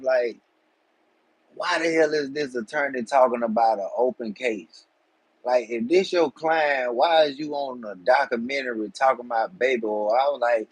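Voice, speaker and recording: A man chats loosely with his live-stream viewers in streetwise slang. His voice sits at an ordinary pitch with a husky, slightly rough edge. The sound is dry, with no room echo. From Georgia, USA. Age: 40s. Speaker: livestream host.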